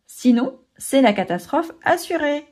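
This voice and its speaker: A woman's voice: high voice, sing-song, a little slow, a little mellow, voice pushed up. A woman reading a storybook aloud, voicing a wise old male monkey giving a lesson. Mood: sage. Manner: sage, instructive.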